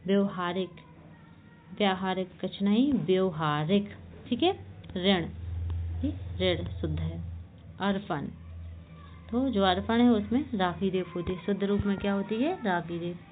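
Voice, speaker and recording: A woman teaching an exam-prep Hindi class, saying each word slowly and repeating it, then checking with short questions. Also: mid-range voice. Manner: drills words slowly, repeats each twice; checks with short questions, often says "theek hai". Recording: tinny phone-like audio, faint hiss.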